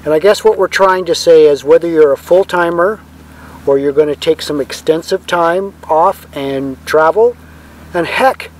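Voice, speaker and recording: A man's voice: fairly high pitch, moderate pace, rough recording. A man co-hosting a vlog, giving casual advice to the camera in a folksy, reassuring way. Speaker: vlog co-host.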